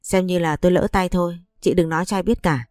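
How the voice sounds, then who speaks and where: A woman's voice: fairly low pitch, fairly even intonation, fast, a little mellow, no echo, studio quality, natural voice. A woman voicing a cold, scheming middle-aged mother-in-law who talks in a curt, dismissive way. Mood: pleading.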